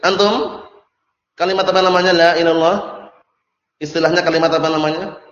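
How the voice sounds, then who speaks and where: A man's voice: on the high side, steady tone, a little fast, a bit bright. A man giving a religious study lecture, asking his audience questions and answering them himself, often checking that they understand. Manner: repeats phrases and checks understanding. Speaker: Islamic teacher. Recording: echoey hall, dull lo-fi sound.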